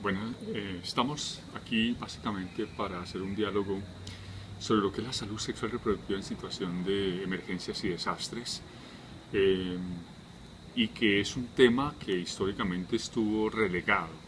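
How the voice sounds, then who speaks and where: A man working in humanitarian health, giving a measured explanatory talk full of fillers and questions he answers himself. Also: lowish voice, noisy background.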